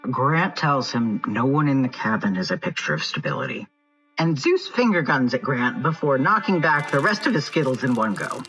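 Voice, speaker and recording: A narrator reading a scripted recap of a tabletop role-playing game in an expressive storytelling manner. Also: mid-range voice, moderate pace. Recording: muffled recording with music behind.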